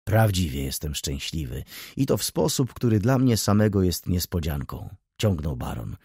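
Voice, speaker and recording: A man's voice: sits low, big pitch swings, moderate pace, a little mellow, husky, no room sound, studio quality, exaggerated voice. A man doing a chatty, fussy graying baron. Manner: talkative, ceremonious, addresses listener as "panie".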